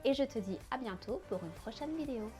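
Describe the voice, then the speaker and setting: Woman teaching pronunciation, higher voice. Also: expressive, fairly quick, over music. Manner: clear, carefully articulated explanations with spoken word examples. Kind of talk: scripted online lesson.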